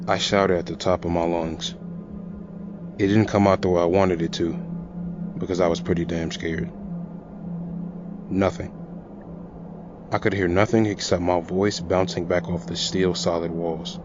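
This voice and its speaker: Deep-voiced man narrating a horror story. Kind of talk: first-person horror narration. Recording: lo-fi with music and crowd sound.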